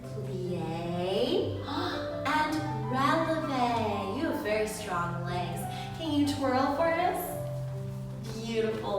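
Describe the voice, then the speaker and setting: A slow-paced, fairly high-voiced woman leads a ballet class for young children. She talks in simple, encouraging instructions with lots of praise, heard from a distance in a strongly echoing room. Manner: encouraging, praising, simple child-directed speech with audible gasps. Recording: echoey room, distant mic, music behind. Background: music.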